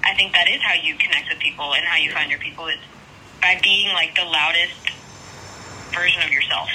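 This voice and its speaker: A woman's voice: lowish voice, fairly even intonation, fairly quick, sharp tone, a little hiss or hum, low-quality recording. A young woman who is a singer, chatting casually as a guest in an interview and laughing often. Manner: bubbly, laughs often, says like a lot.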